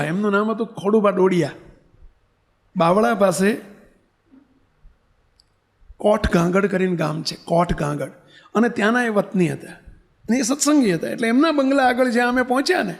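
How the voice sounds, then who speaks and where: A man's voice: sits high, expressive, moderate pace, gravelly, pauses often. A man, a monk preacher, telling a story in a sermon and acting out the dialogue vividly.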